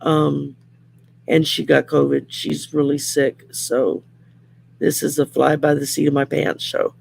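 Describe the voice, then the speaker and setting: A middle-aged woman with a raspy, worn whiskey voice hosts a casual live chat in an unhurried, rambling, plain-spoken way. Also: deep voice, little pitch movement, darkish tone. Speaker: live show host.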